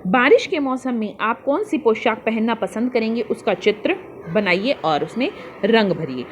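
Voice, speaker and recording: A woman's voice: a little high, expressive, normal speed, slight background noise. Patient woman teacher explaining a worksheet. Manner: patient, spells out answers and addresses pupils as beta. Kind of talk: worksheet tutorial for young children.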